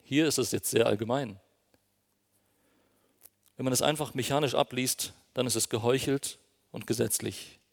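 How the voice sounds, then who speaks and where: A man's voice: medium pitch, moderate pace, creaky, pauses often. A man preaching a sermon, earnest and emphatic, speaking directly to his congregation. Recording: long reverb of a hall.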